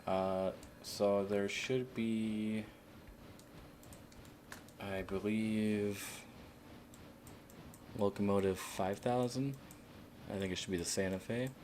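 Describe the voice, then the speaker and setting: A man streaming a game, chatting casually with other players in a relaxed, hesitant way with many fillers. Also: on the low side, slow pace, pauses often, slight background noise. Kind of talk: casual voice chat while playing.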